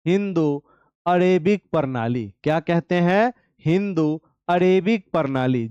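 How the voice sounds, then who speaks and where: A math teacher takes an online class through each step, putting a question to the students and then answering it himself. His voice sits a little high, smooth and clear, recorded close and dry with slightly muffled sound. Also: darkish tone, no echo. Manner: explains step by step with rhetorical questions.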